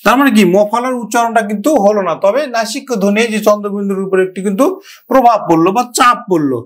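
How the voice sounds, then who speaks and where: High-voiced man teaching a grammar lesson. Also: fairly bright tone. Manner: drawn-out repetition of example words, addresses students directly. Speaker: Bengali language teacher. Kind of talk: classroom-style grammar lesson.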